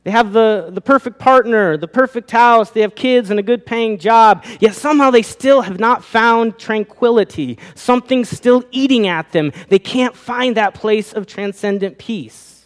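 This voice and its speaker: A man's voice: high-pitched, moderate pace, few pauses. A pastor preaching a sermon, asking his listeners rhetorical questions, his voice rising and falling. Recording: long reverb of a hall.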